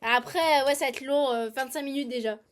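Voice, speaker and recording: A woman's voice: high voice, a little fast, soft background music. A woman from France streaming a game, chatting casually and reading the game text aloud. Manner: playful, animated, reads game text aloud. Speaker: gaming streamer. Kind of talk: casual let's-play chat.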